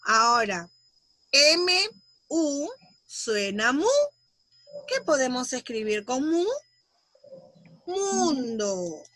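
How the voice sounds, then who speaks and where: High, bright-voiced patient schoolteacher. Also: female voice, expressive. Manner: patient, slow, sounds out syllables; uses gentle diminutives. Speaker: primary school teacher. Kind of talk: online class for young children.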